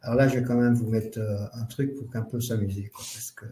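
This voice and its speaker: A man presenting a live online training for parents, explaining in a loose, halting way full of fillers and restarts. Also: fairly low pitch, fairly even intonation, mellow, recorded from a distance. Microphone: computer mic in a webinar. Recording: roomy echo.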